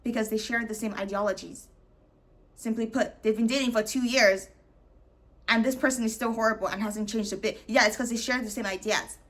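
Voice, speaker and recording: A sassy woman talks straight to camera, sharing blunt opinions in a casual monologue. She mocks other people's lines in a higher voice and laughs now and then, calling the listener "babes" as she goes. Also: fairly even intonation, brisk, fairly bright tone. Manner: mocking quotes in a higher voice, laughs often.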